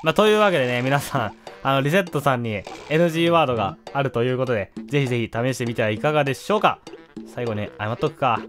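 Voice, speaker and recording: A man's voice: mid-range voice, lively intonation, quick pace, a bit bright, soft background music. A man, a gaming YouTuber, commenting casually and with amusement as he plays, recorded on a studio microphone at home. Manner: amused, chatty, reacting to the game. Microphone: studio condenser mic.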